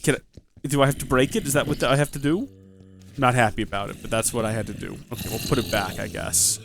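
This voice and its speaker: A young man hosting a Minecraft let's play, thinking aloud and asking question after question in amazed, animated commentary. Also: medium pitch, fast, noisy background. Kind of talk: excited gameplay commentary.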